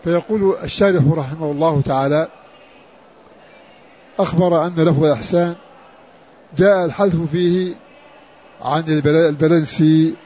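A man teaching a slow, scholarly lesson on Quran orthography. He speaks in a measured way and repeats key words for emphasis. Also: on the high side, steady tone, dark tone. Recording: dull lo-fi recording.

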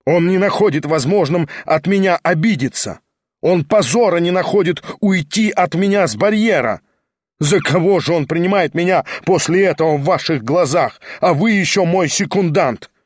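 A man's voice: on the high side, normal speed, no echo, studio quality, lightly acted. A man voicing an enraged nobleman at a duel, screaming and frantic. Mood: furious. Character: enraged male nobleman dueling, shrieking.

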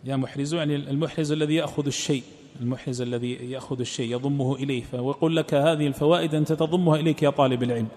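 A man teaching a text line by line, repeating phrases and trailing off into a low murmur at the ends of sentences. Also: fairly even intonation, rapid-fire, darkish tone. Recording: long hall reverb.

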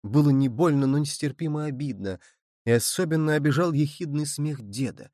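A man reading a story aloud as an audiobook narrator, measured and even. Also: on the high side, dry recording, studio quality.

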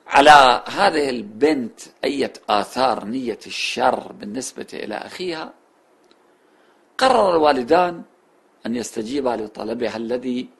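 A man giving a religious talk, telling a moral story in a storytelling manner that rises sharply and then falls to soft, quiet endings. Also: medium pitch. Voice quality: husky. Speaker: religious speaker.

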